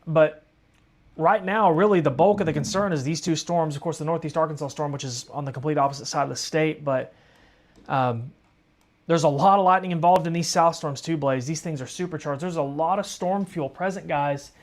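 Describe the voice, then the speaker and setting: A man talks through live storm coverage in a casual, chatty way, often turning to his viewers as folks. His voice sits a touch high for a man, and he sounds tired. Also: a little fast. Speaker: storm-tracking livestream host. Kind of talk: live weather commentary.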